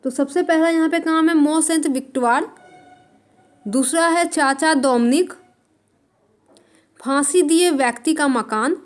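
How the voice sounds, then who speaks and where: A woman teaching art for exam prep, writing on a board and repeating terms slowly for students to note down. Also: sits high. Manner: writes on a board while dictating.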